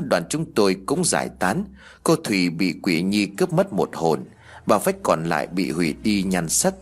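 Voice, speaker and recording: A man narrating a scripted horror story in a dramatic, expressive way. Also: sits low, husky.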